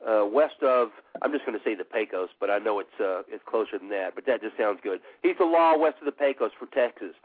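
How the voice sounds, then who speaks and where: A man hosting a call-in show in casual talk, halting and often repeating himself. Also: mid-range voice, husky. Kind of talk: casual talk radio chat. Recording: muffled lo-fi internet radio audio.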